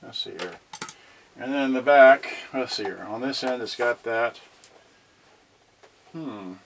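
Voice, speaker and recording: The host of an electronics unboxing channel speaks slowly in a medium-pitched, fairly bright voice. Unscripted and casual, he rambles while thinking aloud and often trails off partway through a thought. It's a noisy home video with audible clicks.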